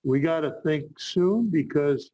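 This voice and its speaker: A man's voice: on the high side, slow pace, warm tone, dry recording. A man chairing a school board meeting, plainspoken and rambling. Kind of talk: meeting discussion.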